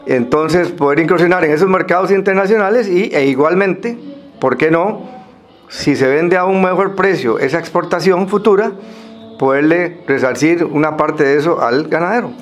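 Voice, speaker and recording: A Costa Rican man speaking semi-formally to a group, explaining things in a halting way with pauses and repeated words. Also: a little high, soft background music.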